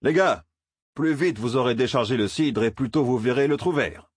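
A man's voice: medium pitch, normal speed, breathy edge, dry recording, clean studio sound, pitched above the performer's own voice, lightly acted. A man voicing a jovial middle-aged farmer father who teases the young men. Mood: teasing.

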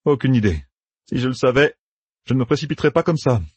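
A man's voice: mid-range voice, slightly rough, dry recording, pitched above the performer's own voice, natural voice. A man voicing a hotheaded young soldier-gambler who blusters and curses in an audiobook. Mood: agitated. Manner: loud, blustering, quick to curse.

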